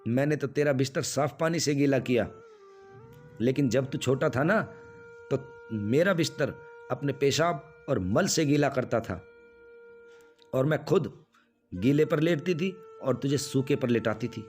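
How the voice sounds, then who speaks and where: A man playing an old mother in a storybook tale, soft-spoken and patient. She speaks slowly in a low, hushed tone, with a faint music bed behind her. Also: natural voice. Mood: reproachful. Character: old mother, patient and loving, finally stern.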